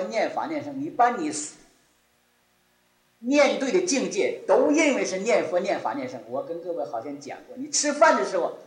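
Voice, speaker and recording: A man's voice: high voice, echoey room, rough recording. A man giving a Buddhist dharma talk, repeating key phrases as his voice rises and drops sharply. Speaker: Buddhist teacher.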